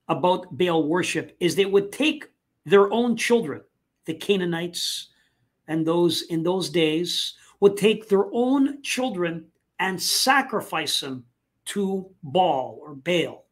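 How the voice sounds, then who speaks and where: Guy hosting a live web talk show, high voice, lots of ums and uhs. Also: fairly bright tone. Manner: casual, many fillers and pauses. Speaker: host.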